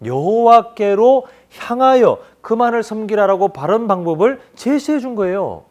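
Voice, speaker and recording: A man preaching a children's sermon, animated, often asking the children questions. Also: high-pitched, normal speed. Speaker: children's pastor.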